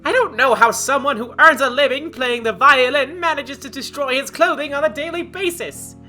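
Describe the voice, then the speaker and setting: A woman's voice: high-pitched, moderate pace, pushed and bright. Woman putting on a brusque, stern old aunt cat. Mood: exasperated, dry. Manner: brusque, scolding. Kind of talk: amateur cartoon dub. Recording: guitar music behind.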